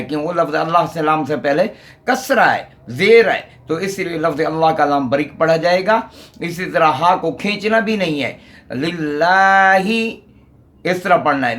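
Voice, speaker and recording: A man teaching Quran recitation in a methodical lesson, pausing to sound out syllables slowly. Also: a little high, a bit bright.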